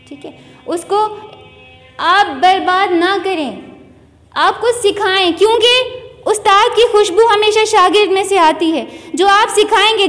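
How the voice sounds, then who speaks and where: Woman, high voice, Sindhi-region Urdu accent, preachy lecture, echoing hall. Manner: earnest, preachy, rising emphasis. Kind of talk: moral lecture. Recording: long hall reverb.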